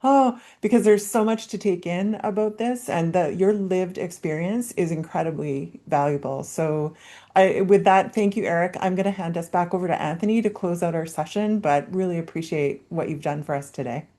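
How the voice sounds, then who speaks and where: A woman with a fairly low voice moderates a webinar panel, passing along audience questions and responding with encouraging, affirming remarks. She speaks over a video call. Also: normal speed, warm tone.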